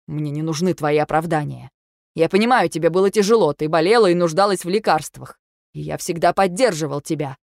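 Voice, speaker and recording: A woman's voice: low-pitched, fairly quick, gravelly, a little mellow, no echo, clean studio sound. A woman voicing a hurt, accusing husband. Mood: reproachful. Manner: cold, reproachful, accusing. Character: hurt, angry young husband on the phone. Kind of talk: audiobook reading.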